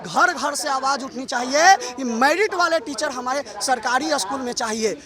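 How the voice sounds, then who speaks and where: A man's voice: extremely high pitch, moderate pace. Fiery man speaking over a crowd. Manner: fiery, declamatory, accusing. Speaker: protester speaking to press. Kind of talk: fiery protest speech.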